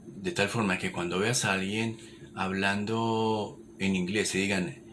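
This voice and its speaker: A man's voice: low-pitched, steady tone, a little slow, fairly bright tone. A man, giving an informal language lesson in a repetitive, encouraging way. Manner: repetitive, encouraging, many restarts. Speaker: English teacher. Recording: noticeable background noise.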